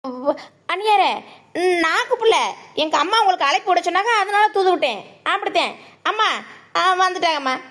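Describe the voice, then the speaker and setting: A woman doing a cheeky high young sister. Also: animated, brisk, fairly bright tone. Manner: cheeky, mocking. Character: teasing mischievous young sister, cartoon. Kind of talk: cartoon voice acting.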